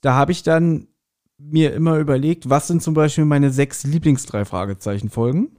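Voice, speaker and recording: In a relaxed podcast conversation, a male co-host goes over what happened in an audio drama episode. He speaks at a moderate pace in a slightly high, darkish voice.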